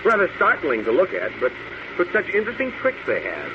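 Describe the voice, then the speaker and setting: In an old-time radio drama, a male actor plays a smug, crooked space policeman who taunts with mock friendliness, amused and gloating as he savors his words. His voice is on the high side, quick, with huge pitch swings. The recording is muffled and noisy, like old radio.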